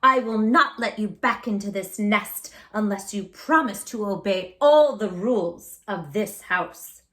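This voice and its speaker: A woman voicing a stern, scolding storybook mother bird in a sharp, bossy, emphatic way. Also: medium pitch, unhurried, lightly acted.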